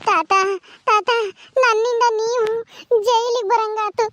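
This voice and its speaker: A woman's voice: extremely high pitch, steady tone, normal speed, a bit bright. A woman with a rural Tumakuru Kannada accent playing a young village granddaughter who is tearful and bitter. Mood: remorseful. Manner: pleading, bitter complaining. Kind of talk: village family drama acting.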